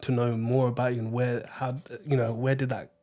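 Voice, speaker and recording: Chatty podcast host. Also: male voice, medium pitch, little pitch movement, brisk, dark tone. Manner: friendly, rambling questions full of fillers. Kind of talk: casual interview chat.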